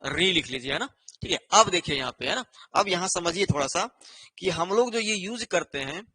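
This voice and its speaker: Bright high-voiced man teaching a class. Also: animated, husky. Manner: repetitive, with a constant rhetorical "है ना" and "ठीक है"; explains slowly while writing on a board. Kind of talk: online exam-prep lesson.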